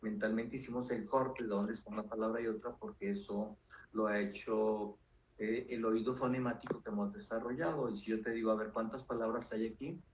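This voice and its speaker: Calm explaining man, roomy echo. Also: lowish voice, a little fast. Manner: calm, explanatory, with frequent fillers. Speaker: neuropsychologist guest. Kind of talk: explanatory interview talk. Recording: roomy echo with faint noise.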